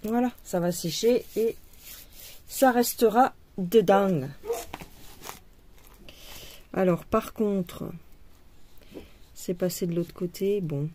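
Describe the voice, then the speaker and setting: Lady chatting over her embroidery, mellow warm voice, jokey and rambling. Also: mid-range voice, slow, long pauses. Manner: chatty, playful, puts on a jokey accent. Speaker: cross-stitch vlogger. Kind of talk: casual chat while embroidering.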